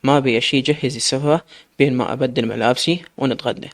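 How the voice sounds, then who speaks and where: A man's voice: mid-range voice, fairly even intonation, fast, close to an everyday voice. A man with an Iraqi accent voicing a young woman who speaks firmly and curtly. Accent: Iraqi Arabic. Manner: firm, curt. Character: firm young woman, the eldest sister.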